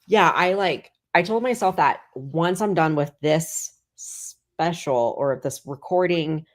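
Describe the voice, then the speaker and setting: A woman in her thirties, a guest comedian, chatting casually and rambling with lots of "like.". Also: rumbling low. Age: 30s. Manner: rambling, heavy filler "like". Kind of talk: casual chat.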